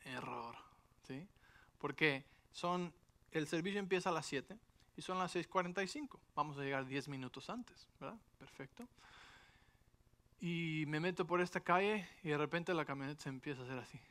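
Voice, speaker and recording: A middle-aged man, a pastor, preaching through a lively personal story. His voice sits a little high and rings bright. He keeps pulling the congregation in with short questions as he goes. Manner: animated storytelling with frequent rhetorical asides.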